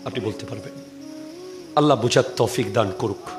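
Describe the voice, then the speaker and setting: A man preaching a fiery sermon, swinging from low warnings to shouted exhortations and urging the crowd to answer loudly. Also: brisk, over music.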